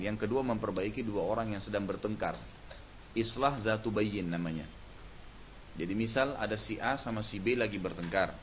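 A male preacher giving an Islamic lecture in a relaxed, conversational way, often closing his points with short tag phrases. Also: fairly low pitch. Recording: dull lo-fi recording with faint hiss.

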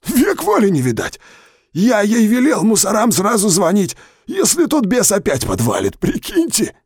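A man voicing a boastful male criminal ghost who talks in rough street slang. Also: high-pitched, normal speed, no echo, studio quality, pitched above the performer's own voice, heavily acted. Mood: excited. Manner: loud, excited street slang.

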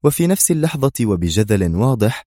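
A man narrating an action novel as a dramatic audiobook, moving his pitch a lot through the story. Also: sing-song, a little fast, mellow, no room sound, clean studio sound.

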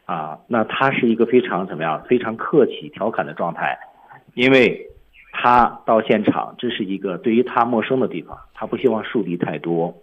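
A man's voice: on the low side, animated, normal speed, husky, narrow, tinny audio. A man teaching English on a radio lesson, explaining film lines step by step.

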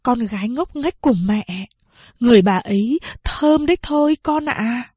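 A poor, humble mother pleads in a raised, quavering voice, tearful and deferential, as a woman narrator puts her on. The sound is husky and dry, close to the mic. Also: fairly high pitch, expressive, moderate pace, mellow, no room sound. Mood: pleading.

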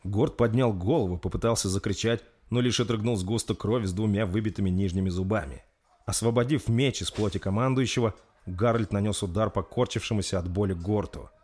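A man reading a dark fantasy story aloud in a steady, dramatic narration. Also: fairly low pitch, brisk, breathy edge. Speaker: audiobook narrator.

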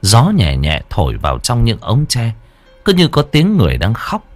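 A man's voice: huge pitch swings, moderate pace, no echo. A man narrating a horror story in a dramatic, tense way. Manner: dramatic, tense storytelling with wide swings in pitch. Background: faint background music.

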